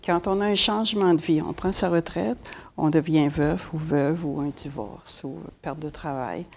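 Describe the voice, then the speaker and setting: A woman's voice: low voice, moderate pace, gravelly, slightly rough. An older woman from Montreal with a Québécois French accent, chatting casually as a panel guest. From Montreal, Quebec. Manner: chatty, many fillers.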